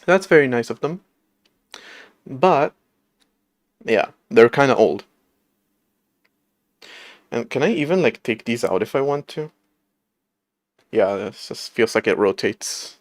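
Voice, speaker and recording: A man's voice: mid-range voice, lively intonation, slow pace, long pauses, no echo, clean studio sound. A man in his late twenties chatting casually on a coding livestream from a room at home, rambling and self-deprecating with frequent laughs. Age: late 20s. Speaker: livestreamer coding an operating system.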